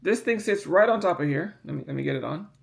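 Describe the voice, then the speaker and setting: This man's voice is on the high side, animated and quick, with vocal fry. As a hobbyist, he casually walks through a printer part in his hands, rambling, circling back to repeat things, and leaning on key points. Medication has him yawning.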